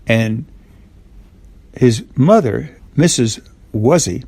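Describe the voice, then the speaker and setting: An older man tells a simple bedtime story informally, as though to a young child, keeping it repetitive and asking the little listener questions. His medium-pitched voice is creaky and dark, with no echo.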